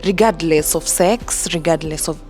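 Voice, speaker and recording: A young woman from Kenya, a youth advocate speaking in an earnest, measured way in a group discussion. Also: low voice, a little mellow, faint music behind. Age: young adult.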